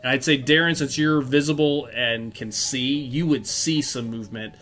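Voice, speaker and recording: A man's voice: medium pitch, steady tone, moderate pace, fairly bright tone, soft background music. Hesitant man running a tabletop game. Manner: hesitant, thinking aloud with fillers. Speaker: game master.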